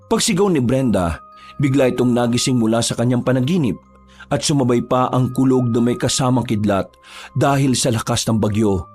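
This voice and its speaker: A man giving steady, dramatic scripted narration of a horror story. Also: medium pitch, normal speed, faint music behind.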